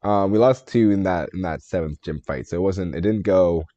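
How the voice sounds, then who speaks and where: A man's voice: low voice, fairly quick, warm tone, no echo, dull audio. A man streaming a game live, thinking aloud, answering chat and joking about himself in a casual way. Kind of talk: live gameplay stream commentary.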